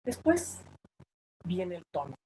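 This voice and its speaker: A woman's voice: big pitch swings, takes it slowly, slight background noise, poor audio. A woman giving a workshop on online presentations, talking emphatically and raising or dropping her voice to demonstrate her points. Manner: emphatic, shifts pitch and loudness to demonstrate points. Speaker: public speaking trainer.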